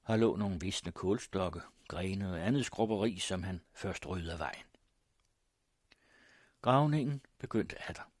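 A man narrating a first-person story in a measured, grave manner. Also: low voice, no echo, studio quality. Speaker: audiobook narrator.

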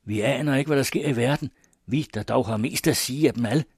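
A man voicing an indignant, proud soldier in an audiobook, speaking heatedly and fast. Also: mid-range voice, slightly rough, no echo, clean studio sound, pitched above the performer's own voice.

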